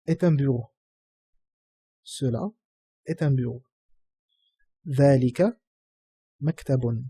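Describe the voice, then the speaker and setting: A man teaching a lesson, patiently repeating each phrase slowly. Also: mid-range voice, warm tone, breathy edge, no room sound. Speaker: Arabic teacher. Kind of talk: slow classroom explanation.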